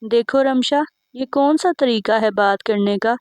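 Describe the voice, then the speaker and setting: A woman voicing a calm, kind young man who speaks gently and reasonably. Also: a little high, measured pace, dry recording, lightly acted.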